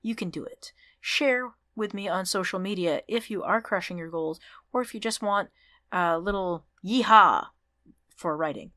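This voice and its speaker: A woman hosts her writing podcast alone and talks casually and upbeat, with fillers and small restarts. Her voice sits in a middle pitch. The recording is dry and close, with no room sound. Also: moderate pace, a bit bright, no room sound. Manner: chatty, upbeat, with ums and restarts. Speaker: podcast host. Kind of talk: solo podcast outro and shout-outs.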